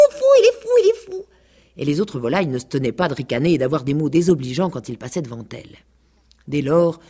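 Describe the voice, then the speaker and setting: A woman, an actress, reading a children's storybook aloud in an expressive, playful way. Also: low voice, breathy edge. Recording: 1980s radio recording.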